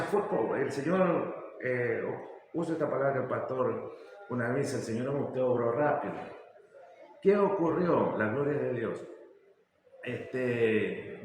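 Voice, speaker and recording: A man from Ecuador recounts his testimony of faith in a halting, heartfelt way, often breaking off and starting his sentences again. His voice rings through a very echoey hall with a long reverb tail. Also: mid-range voice, slight background noise. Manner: halting, emotional, with frequent restarts. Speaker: church member giving testimony.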